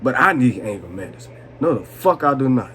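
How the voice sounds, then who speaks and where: His pitch swings widely around a medium center as this vodka-tipsy vlogger in his twenties briskly tells a heated, profane story on camera. The tone is somewhat bright, and there's a little background noise.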